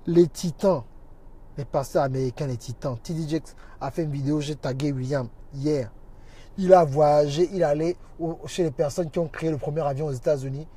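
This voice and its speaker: A man's voice: a little high, normal speed, warm tone, husky. A man talking on a casual livestream, preaching emphatically and greeting viewers by name as he goes. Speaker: minister and social media teacher.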